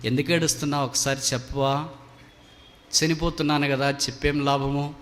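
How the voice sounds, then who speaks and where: A man preaching in a sermon, voicing a male bird hunter who asks quick, pressing questions, with a long hall reverb. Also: fairly high pitch, steady tone, fairly bright tone, natural voice. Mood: questioning.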